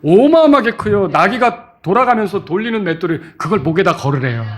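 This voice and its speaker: Animated Korean pastor preaching. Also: male voice, high voice, a little fast. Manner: animated preaching, acting out quoted voices, shouting at climaxes. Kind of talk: sermon.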